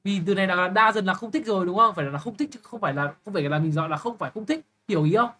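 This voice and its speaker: Young guy tutoring, bright tone, quick check-ins, bit blunt and teasing with the kid. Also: sits high, slight background noise. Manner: brisk, keeps checking understanding with quick questions; blunt, teasing address to a student. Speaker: English tutor. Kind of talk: live tutoring lesson.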